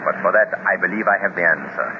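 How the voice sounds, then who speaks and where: A pompous mastermind villain, as a man performs him, lays out his plans in a slow, gloating voice. It is a 1930s radio serial. The recording sounds muffled and carries a steady hiss. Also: sits low, natural voice. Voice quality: slow, measured, gloating delivery. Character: scheming male master villain, pompous and menacing. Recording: hissy, dull 1930s radio transcription.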